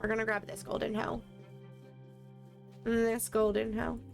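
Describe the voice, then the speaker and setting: A woman's voice: on the high side, little pitch movement, a little slow, vocal fry, faint music behind. A woman streaming a video game live, chatting casually and thinking aloud as she plays. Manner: playful, answers chat.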